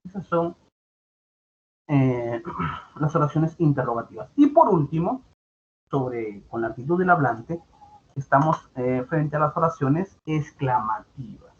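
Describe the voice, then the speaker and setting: A man's voice: fairly high pitch, lively intonation, a little slow, long pauses. A male teacher giving an online grammar lesson, explaining patiently and repeating his points with tag questions. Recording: dull lo-fi sound with faint background noise.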